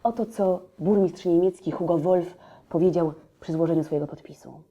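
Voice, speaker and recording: A woman's voice: fairly low pitch, moderate pace, lo-fi sound, music in the background, close to an everyday voice. An actress playing an earnest 1920s newspaperwoman, recalling events as a witness in reflective, dramatic storytelling for a historical drama. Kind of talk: theatrical historical audio drama.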